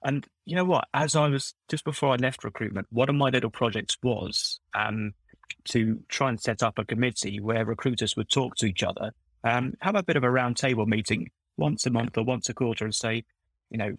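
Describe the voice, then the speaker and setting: A middle-aged man who used to be a recruiter and now works as a coach chats on a podcast, telling stories in a rambling, self-correcting way. His mid-range voice is a bit bright and a little fast, with no room sound but a rough recording.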